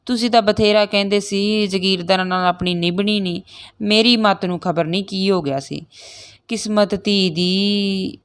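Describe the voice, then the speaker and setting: A grieving old village mother, tearful and pleading, speaking high and loud above a plain speaking voice, as a woman reading a play aloud puts her on. The delivery stays strained and emotional. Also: steady tone, moderate pace, smooth, dry recording, natural voice. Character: middle-aged Punjabi village mother, grieving for daughter.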